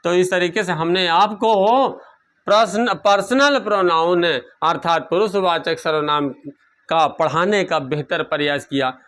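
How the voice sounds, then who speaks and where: A man's voice: sits high, a little slow, fairly bright tone. A man teaching a grammar lesson, asking questions and answering them himself, repeating key terms.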